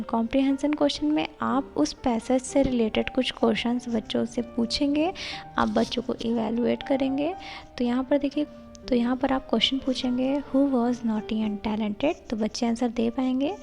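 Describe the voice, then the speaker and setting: Woman, fairly high voice, gravelly fry, patient step-by-step teaching, faint music behind. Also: fairly even intonation, darkish tone. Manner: reads English sample lines slowly and deliberately. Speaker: teacher-training tutor. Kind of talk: step-by-step lesson explanation.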